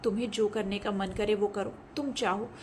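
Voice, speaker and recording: A tender young husband from an audio story, read by a woman in her own voice. He pleads softly but insistently, at an ordinary middle pitch. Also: steady tone, normal speed, a little hiss or hum, close to an everyday voice. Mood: tender, pleading.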